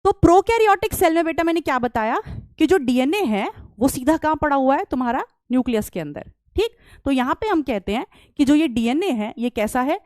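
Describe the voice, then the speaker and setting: A woman teacher giving an online lecture, explaining step by step, asking questions and answering them herself, speaking softly and chatting with her students. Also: high voice, animated, a little fast, dry recording. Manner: chatty, calls students "beta"; soft-spoken, won't shout.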